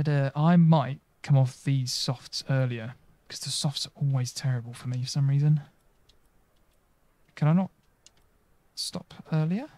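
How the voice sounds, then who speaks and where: A man's voice: fairly high pitch, a little mellow, dry recording. Chatty young man streaming a racing game. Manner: chatty, banter with the game voices. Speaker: gaming streamer. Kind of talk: live stream commentary over gameplay.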